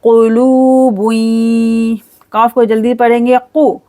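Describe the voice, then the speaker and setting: A woman's slightly high voice leads a gradual Quran recitation lesson. She breaks words into their letters, then recites each one slowly and with elongated sounds.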